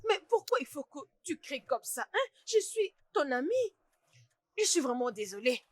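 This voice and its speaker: A woman voices a sly young friend in a dubbed film who teases and mocks. Her voice sits high, and the sound is close and dry. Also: big pitch swings, moderate pace, no echo. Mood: placating. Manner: teasing, mocking.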